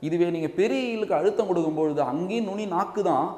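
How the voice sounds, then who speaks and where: A man with a Tamil Nadu accent teaching an exam-prep grammar lesson. He explains step by step, often checks that students follow, and sounds out letters slowly for them to repeat. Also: high-pitched, darkish tone. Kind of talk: classroom-style lesson. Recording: echoey room with long reverb.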